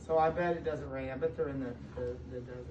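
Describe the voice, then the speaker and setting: A school superintendent, an American woman with a rumbling low voice, reads a storybook fast and with fairly even intonation to young children in an echoey indoor room. She pauses to explain simply, asks questions and stresses key words in this interactive read-aloud. Her slightly mellow voice is far from the mic, a bit muffled, with faint noise.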